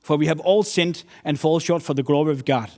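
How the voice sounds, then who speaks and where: A man's voice: on the high side, brisk, darkish tone. Earnest man preaching a sermon. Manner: earnest, storytelling with non-native English phrasing.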